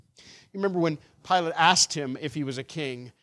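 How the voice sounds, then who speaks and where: Man, pastor, sermon, emphatic rhetorical questions, somewhat high-pitched voice. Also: normal speed, fairly bright tone.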